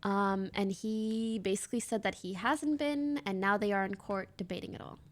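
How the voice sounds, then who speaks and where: A woman's voice: medium pitch, moderate pace. A woman in her twenties from Canada, a streamer chatting bluntly and casually while reacting to clips and reading chat.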